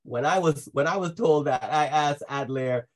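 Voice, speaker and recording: Raised in Jamaica and Trinidad, a man with a fairly high-pitched voice delivers a sermon to a congregation over a video call. He is earnest but halting, restarting often.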